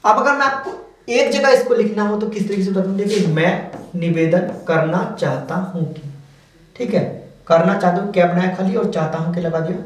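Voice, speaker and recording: High-voiced male teacher in echoey room. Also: fairly even intonation, fast. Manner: repetitive, patient, says "dekhiye" often. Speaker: shorthand teacher. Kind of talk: explaining lesson. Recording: very echoey room, distant mic, faint hiss.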